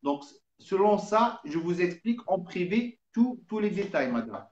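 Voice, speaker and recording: Courteous higher-pitched man, echoey room. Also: sing-song, measured pace, darkish tone, muffled recording. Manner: courteous, formal, hesitant repetitions. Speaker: medical travel agent. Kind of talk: explaining to live stream viewers.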